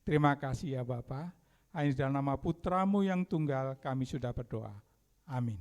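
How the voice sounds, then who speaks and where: A man serving as worship leader, praying earnestly in a measured cadence in a church and then introducing a hymn. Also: mid-range voice. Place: church sanctuary. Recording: long church hall reverb with music. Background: soft instrumental music.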